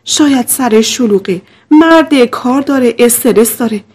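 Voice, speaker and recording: A woman's voice: a little high, a little mellow, breathy edge. A woman voicing an impatient middle-aged mother-in-law who lectures bluntly. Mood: impatient, lecturing.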